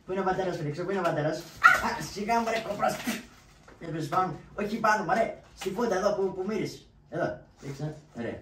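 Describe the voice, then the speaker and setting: A man voicing a brash, scheming trickster who scolds and shouts orders, in a shadow puppet play, with roomy echo and distant mic. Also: high voice, few pauses, heavy background noise, pitched above the performer's own voice, natural voice. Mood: bossy. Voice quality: loud, scolding.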